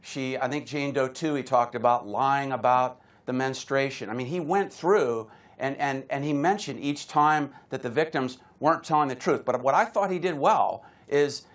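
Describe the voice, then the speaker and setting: A man speaking as a courtroom lawyer in live legal commentary, arguing point by point and repeating words for emphasis. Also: fairly high pitch. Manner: emphatic repetition of words and phrases. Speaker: criminal defense attorney giving legal analysis.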